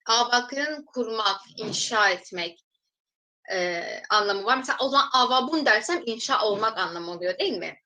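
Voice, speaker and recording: A woman teaching a recorded language lesson, explaining step by step, reading example sentences slowly and then translating them for viewers she calls friends. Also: fairly high pitch, lively intonation, pushed and bright, rough recording.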